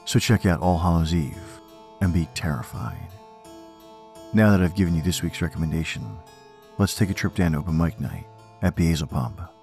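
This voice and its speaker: Man, horror host narration, very deep pitch, macabre and playful, scripted, soft music behind. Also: brisk. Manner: playfully macabre, teasing the listener. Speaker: host of a horror storytelling podcast. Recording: music under the voice.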